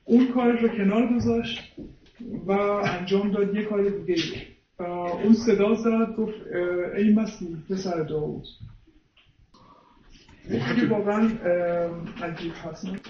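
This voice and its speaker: A man's voice: sits high, reverberant, far from the mic, lo-fi sound, slight background noise. A man interpreting a sermon, hesitant and full of filler sounds.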